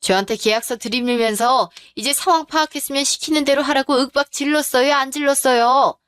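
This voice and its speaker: Woman doing an upset young shop employee, accusing, fairly high voice, dry sound. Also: brisk, a bit bright, clear, resonant tone, no echo. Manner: complaining, accusing.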